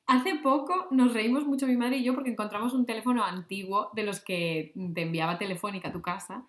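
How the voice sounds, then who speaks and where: A woman's voice: a little high, fairly quick, fairly bright tone. A woman co-hosting a podcast in a casual, playful chat, often acting out quoted voices. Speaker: podcast co-host. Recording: roomy echo.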